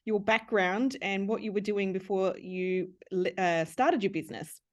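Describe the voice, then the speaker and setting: A woman hosts a podcast interview in a bright, encouraging tone. She speaks at a middle pitch and an even, friendly pace. Her voice rises with enthusiasm as she welcomes and prompts her guest. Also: unhurried. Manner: upbeat and encouraging, lifts her voice when greeting. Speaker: podcast host.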